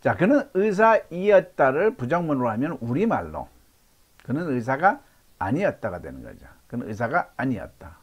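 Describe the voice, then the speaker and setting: Husky man teaching with slow drills. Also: mid-range voice, very animated. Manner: repeats example sentences slowly for learners to copy; asks the class questions and answers them himself. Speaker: English teacher. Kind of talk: classroom lecture with drills.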